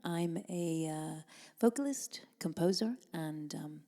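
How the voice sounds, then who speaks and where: Soft-spoken woman, low gravelly voice. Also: slow pace. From Italy, raised in Denmark. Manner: thoughtful, many ums and uhs; soft, at times drops to a whisper. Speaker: jazz vocalist and band leader. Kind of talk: relaxed interview answers.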